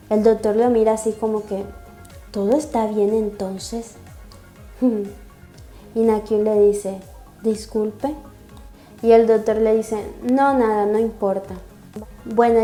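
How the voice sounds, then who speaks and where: A woman's voice: a little high, dark tone. A young woman reading a comic aloud and reacting, gushing and sighing often. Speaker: webcomic reaction vlogger. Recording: echoey room. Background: faint music.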